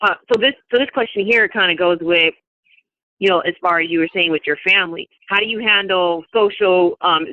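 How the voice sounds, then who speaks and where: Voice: mid-range voice, brisk, no room sound, narrow, tinny audio. An interviewer asking questions in a chatty, upbeat way. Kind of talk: casual interview.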